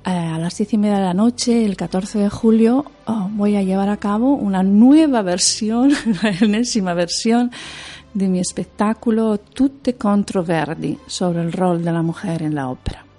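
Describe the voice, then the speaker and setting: Expressive woman opera singer, interviewed. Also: medium pitch, a little slow, faint music behind. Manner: expressive, animated storyteller with laughs. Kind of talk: interview conversation.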